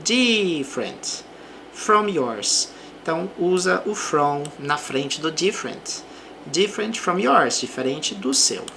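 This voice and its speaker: Woman English teacher, Brazilian accent, low voice, lively intonation, faint background hiss. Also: creaky. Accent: Brazilian Portuguese. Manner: reads English example sentences slowly, then explains in Portuguese. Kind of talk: slow explanatory language lesson.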